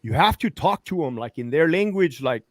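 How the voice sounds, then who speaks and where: A man with a slightly raised pitch tells prison stories in a loose, profane, animated way. The sound is dry and close, with no room around him. He slips into the voices of the people he quotes. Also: moderate pace, no room sound. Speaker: retired corrections lieutenant, podcast guest. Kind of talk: casual storytelling interview.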